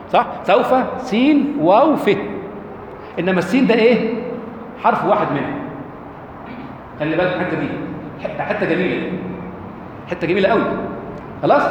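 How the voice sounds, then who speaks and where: An Egyptian man lectures with a high voice that swings widely up and down. He keeps throwing questions to his audience as he explains. The sound is roomy, with a long hall reverb and a faint hum behind him. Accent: Egyptian Arabic. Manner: lively, rhetorical questions to the audience. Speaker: lecturer on Quranic rhetoric. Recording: echoey hall, faint background noise.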